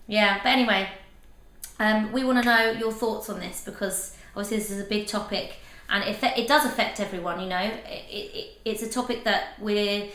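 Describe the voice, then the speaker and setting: A woman co-hosting a casual discussion, talking in an animated way and thinking aloud. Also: mid-range voice, a little fast. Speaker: co-host. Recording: roomy echo.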